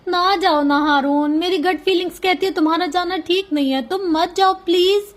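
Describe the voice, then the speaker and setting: A woman's voice: extremely high pitch, fairly even intonation, normal speed, pitched above the performer's own voice. A woman voicing a composed young woman who gives firm orders in a novel reading. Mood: pleading.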